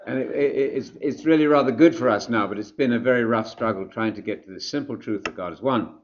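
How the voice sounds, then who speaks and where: A man's voice: medium pitch, fast, highs cut off, slight background noise. A man giving informal remarks at a church gathering, chuckling and joking at his own expense. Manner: chuckling, self-deprecating humor, stammers on restarts.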